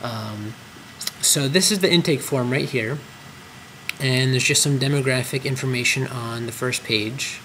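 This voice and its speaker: The audio is poor and carries slight background noise as a clinic trainer talks a little slowly in a mid-range, somewhat bright voice. He leads a screen-recorded software tutorial on clinic tracking forms, explaining each step with frequent ums and uhs.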